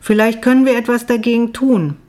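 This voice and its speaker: A woman reading a calm, probing male psychologist. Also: a little high, brisk, voice pushed up, natural voice. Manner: calm, questioning, matter-of-fact.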